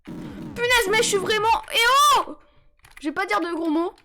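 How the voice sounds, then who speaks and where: A woman streaming a game live on a headset, chatting with viewers in a joking, excitable way with sudden yelps. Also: very high-pitched, moderate pace, very noisy. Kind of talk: casual live-stream chat while gaming.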